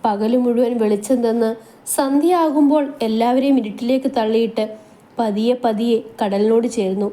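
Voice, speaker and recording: A woman's voice: on the high side, normal speed, mellow, natural voice. Woman doing a playful young wife. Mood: dreamy. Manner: pleading, playful.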